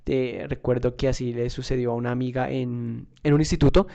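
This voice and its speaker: A man's voice: mid-range voice, steady tone, gravelly, warm tone, dull audio. A man teaching a casual spoken lesson, conversational and explanatory, often checking in with his listener. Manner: conversational, checks in with "¿listo?" and "¿verdad?"; fillers and restarts, measured explaining. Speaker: English teacher.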